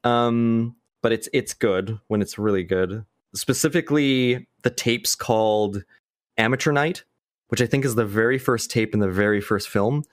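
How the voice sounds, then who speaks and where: Swearing, animated man on a podcast. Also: medium pitch, normal speed, no echo, studio quality. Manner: swears freely, laughs easily, animated storytelling. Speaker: podcast guest. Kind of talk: casual chat.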